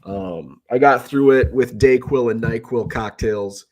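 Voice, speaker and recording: His mid-range voice is measured and a little mellow, though slightly rough because he has a cold. This middle-aged card seller and live streamer keeps his vlog chat casual, rambling, chatty and full of self-corrections.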